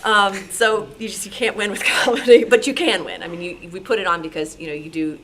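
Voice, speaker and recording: An American woman answers questions as a radio programmer at a club meeting, speaking informally, conversationally and with enthusiasm. Her voice is medium-pitched and fairly bright, with a steady tone and a brisk pace. The live meeting-room recording is noisy.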